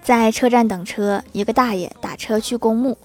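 A woman's voice: fairly high pitch, a little mellow, faint music behind. A woman hosting a comedy podcast, reading scripted jokes and anecdotes in a playful, teasing way. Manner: playful, teasing, quick punchlines. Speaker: host of a comedy sketch podcast.

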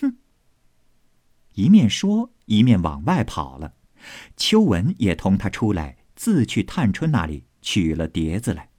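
Husky, animated male storyteller. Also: sits low, unhurried, no room sound, studio quality. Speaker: narrator. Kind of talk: reading a classical novel aloud.

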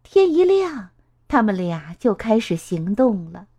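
A woman reading a children's story aloud, slow and expressive in a sing-song way. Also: medium pitch, breathy edge.

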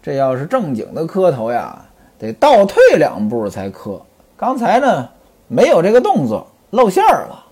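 A man voicing a teasing, sharp-tongued young concubine who mocks and scolds, told as a storyteller's tale. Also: a little high, wildly swooping pitch, normal speed, husky, voice pushed down, exaggerated voice. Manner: mocking, scolding.

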